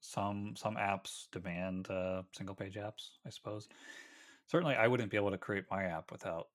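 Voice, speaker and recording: A man's voice: low-pitched, fairly even intonation, normal speed. A man co-hosting a casual tech podcast, explaining things at length and correcting himself as he goes. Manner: rambling, self-correcting explanations. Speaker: podcast co-host.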